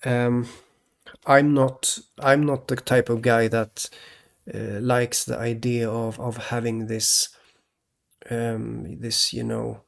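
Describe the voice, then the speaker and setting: A man from Sweden, rambling in a halting monologue to his viewers, restarting often and tagging "okay?" onto his points. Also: mid-range voice, little pitch movement, vocal fry. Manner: halting, many restarts, keeps adding "okay?". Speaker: vlogger.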